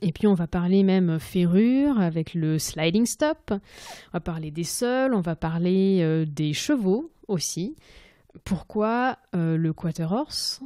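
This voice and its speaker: A woman's voice: on the low side, lively intonation, slow pace, warm tone, no room sound, clean studio sound. A woman from France with a French accent, hosting a podcast interview in an enthusiastic, chatty way with many fillers. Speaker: podcast host. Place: home, recorded remotely.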